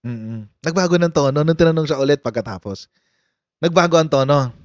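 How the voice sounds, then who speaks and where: A man's voice: on the high side, lively intonation, brisk, dry recording. Man, live commentary host, mocking, frequent laughter, dry close sound, dull audio. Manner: laughs often, mocking and sarcastic, repeats lines. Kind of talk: casual live commentary reacting to news.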